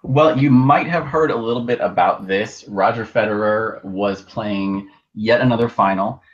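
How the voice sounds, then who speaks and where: A man co-hosting a podcast chats casually, halting and frequently restarting his words. He's heard over a video call, with dull, lo-fi, low-quality internet call audio.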